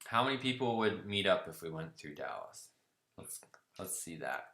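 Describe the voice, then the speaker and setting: On a car channel livestream, the host runs a casual Q&A, reading viewers' comments aloud and chatting back about them in a laid-back way. His low-pitched, slightly bright voice is very animated at a normal speed, and the sound is roomy.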